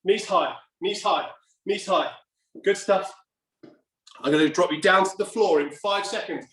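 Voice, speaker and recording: Here a middle-aged man coaches a live HIIT workout in an indoor home gym, barking brisk commands and countdowns with lots of energy while he exercises. He sits high in pitch but stays unhurried. Captured by a camera a few steps away, the audio has a roomy echo and a far-off mic quality.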